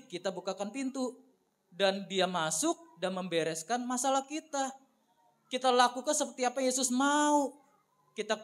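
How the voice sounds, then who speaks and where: A male pastor preaching a sermon in an animated way, often turning to the congregation with questions. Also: high-pitched. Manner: animated, constantly addresses the congregation.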